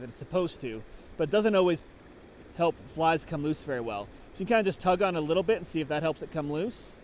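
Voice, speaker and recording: A man's voice: fairly high pitch, a little hiss or hum. A man explaining fly fishing technique while fishing outdoors, talking casually and thinking aloud. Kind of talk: on-the-water instruction. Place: outdoors at a creek.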